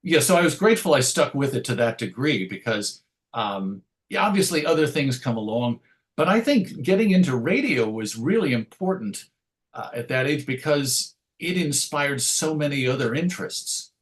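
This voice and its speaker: Speaking at normal speed in a medium-pitched, very animated voice, a middle-aged American man shares stories as a guest on a radio show. He's discursive and self-deprecating, clearly enthusiastic about his topic, in a reflective, chatty interview.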